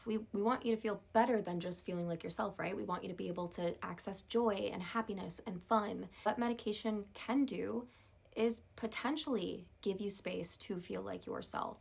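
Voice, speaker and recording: A woman playing a therapist in a role-play, talking in a calm, measured, reassuring way. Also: mid-range voice, gravelly, breathy edge.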